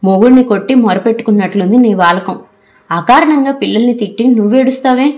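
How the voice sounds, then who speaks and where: A steady, reasoning middle-aged husband, read by a woman narrator in her own voice. He speaks evenly and patiently. The recording is a touch muffled. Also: a little high, fairly quick, natural voice.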